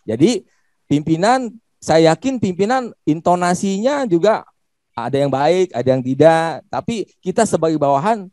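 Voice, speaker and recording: A man coaching in an online seminar, answering questions with polite deference. His voice sits a little high and moves in wide, lively swings. The sound is dry and close, as on a video call. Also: dry recording. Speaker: speaker and coach.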